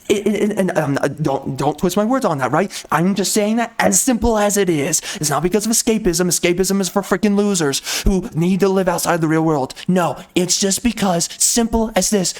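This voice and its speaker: A man's voice: high-pitched, darkish tone. A man, a gaming commentator, delivering a heated, sarcastic, repetitive rant. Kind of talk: unhinged rant.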